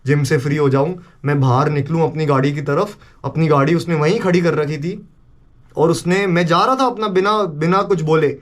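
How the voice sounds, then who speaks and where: Young guy vlogging, tells it all animated, throws in english swears, pretty high voice. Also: moderate pace. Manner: animated, mixes Hindi with English swearing and phrases. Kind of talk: casual storytelling vlog.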